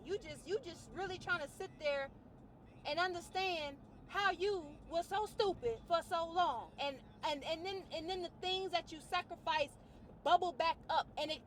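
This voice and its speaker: Bright, high-pitched woman ranting emphatically. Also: brisk, a little hiss or hum. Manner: emphatic, colloquial and outspoken, swings between loud outbursts and low musing. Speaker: fitness trainer and vlogger. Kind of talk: personal rant to camera.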